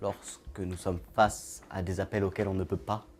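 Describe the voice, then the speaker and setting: An actor playing an odd, lonely man with an invisible friend, talking in a halting, rambling way that trails off into murmurs. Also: sits low, level tone, a little hiss or hum, close to an everyday voice. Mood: musing. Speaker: actor in a short film monologue. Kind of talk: film monologue.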